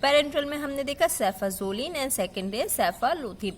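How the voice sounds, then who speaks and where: A woman lecturer with a slightly high voice, speaking in Hindi and patiently spelling out drug names syllable by syllable. She talks to her students fondly and keeps checking in with them. A faint hiss of background noise runs under the recording. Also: lively intonation, slow. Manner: checks in with the listener, often asking "ठीक है"; affectionate, calls the student "बेटा". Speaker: pharmacy teacher. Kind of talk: explaining lecture with memory tricks.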